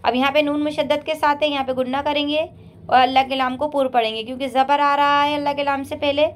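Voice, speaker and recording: A woman teaching Quran reading rules step by step, explaining patiently, checking in often, and slowly chanting each example word. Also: sits high, fairly even intonation. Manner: patient, repeats "theek hai" often, chants the sample words slowly and drawn out. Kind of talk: step-by-step recitation lesson.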